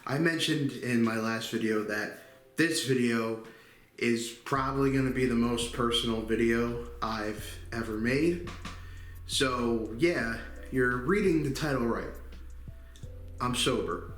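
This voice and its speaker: A man in his twenties talking candidly in a personal vlog, halting often with fillers. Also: medium pitch, fairly bright tone, soft background music. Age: 20s. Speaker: channel host. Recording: echoey room.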